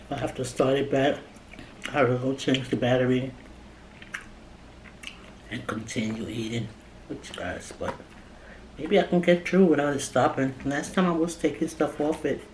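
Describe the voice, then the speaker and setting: A middle-aged woman with a low voice, chatting casually between bites as she eats in a mukbang vlog. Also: a little mellow. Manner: talking between bites while eating. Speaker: mukbang vlogger. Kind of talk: casual mukbang chat while eating. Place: small indoor room at a table. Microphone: camera a short distance away on table. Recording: echoey room with background noise.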